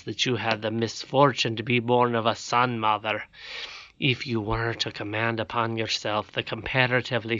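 A man voicing a sly goblin counselor in a storybook reading, speaking in a slow, unctuous, measured way. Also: medium pitch, bright, forceful tone, no echo, muffled recording, close to an everyday voice. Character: sly, oily goblin counselor, older male courtier.

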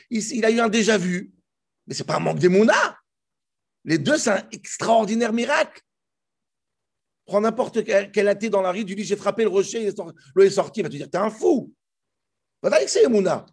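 A man with a fairly high, husky voice gives a Torah class on the commentaries. He talks in an animated, restless way, often restarting his phrases and leaping up in pitch to make a point. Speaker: Torah teacher.

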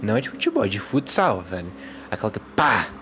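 A man's voice: lowish voice, fairly quick, a little hiss or hum. Brazilian man rambling with jokey asides. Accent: Brazilian Portuguese. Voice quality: animated, jumps into loud mock narrating voices. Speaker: host of a casual talk program. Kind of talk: rambling casual chat with impressions.

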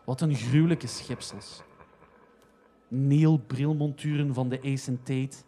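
A man narrating a comic story in a steady, even way. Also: mid-range voice, slow pace.

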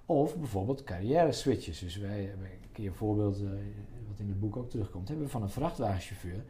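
A man's voice: fairly low pitch, lively intonation, brisk, warm tone, a little hiss or hum. A middle-aged man explaining things casually in conversation, often restarting phrases and repeating words. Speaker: interview guest, doctor.

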